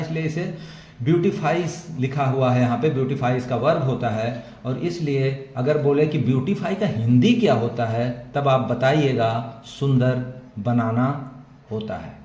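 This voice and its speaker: A man teaching an English vocabulary lesson with an Indian accent, explaining slowly and repeating points, mixing Hindi with English words. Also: medium pitch, darkish tone. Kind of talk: screen-share vocabulary lesson. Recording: echoey room with faint ambient noise.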